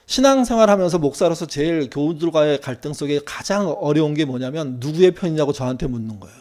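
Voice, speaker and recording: A man's voice: a little high, a little mellow. A middle-aged male pastor giving a conversational sermon, acting out quoted lines from church members and his wife. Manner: conversational preaching with acted-out quotes.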